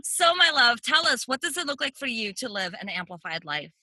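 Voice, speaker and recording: A woman's voice: a little high, sing-song, fairly quick, pushed and bright, dry recording, poor audio. A woman co-hosting a podcast in casual chat, gushing and enthusiastic, saying "like" often. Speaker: podcast co-host.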